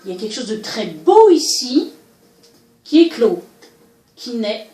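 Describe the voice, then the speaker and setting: A woman doing a solo oracle card reading, musing aloud and pausing often with hesitations as she interprets each card. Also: on the high side, very animated, mellow, reverberant, poor audio. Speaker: card reader. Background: faint background music.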